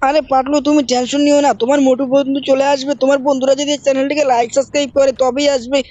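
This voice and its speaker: A gaming channel host narrating gameplay and scolding characters in a loud, theatrical role-play. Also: sits high, little pitch movement, racing. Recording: dry, dull lo-fi mic.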